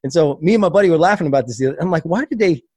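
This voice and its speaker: A man's voice: a little high, racing, slightly rough, dry recording, studio quality. A man guesting on a podcast, chatting casually and telling a story with lots of laughter. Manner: laughs often, animated storytelling. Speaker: podcast guest, host of another podcast. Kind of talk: casual chat.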